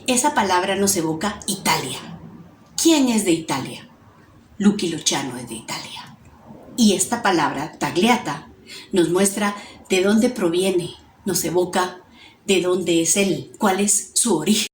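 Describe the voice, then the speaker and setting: A woman's voice: on the low side, animated, unhurried, slight background noise. A young woman with a Guatemalan accent, a university student presenting to her class and asking her listeners questions as she explains. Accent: Guatemalan Spanish. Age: young adult. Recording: echoey room.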